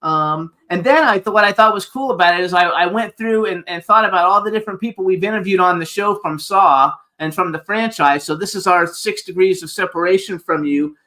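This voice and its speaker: A man's voice: high-pitched, fairly quick, few pauses, pushed and bright, low-quality recording. A man hosting a casual interview show, enthusiastic and informal, swearing freely as he chats. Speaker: talk show host.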